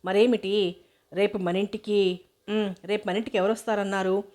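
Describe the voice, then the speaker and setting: A woman's voice: medium pitch, level tone, normal speed, darkish tone, natural voice. A woman voicing a stern, worried middle-aged mother who scolds and frets, read in an audiobook. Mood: fretting. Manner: scolding, fretful.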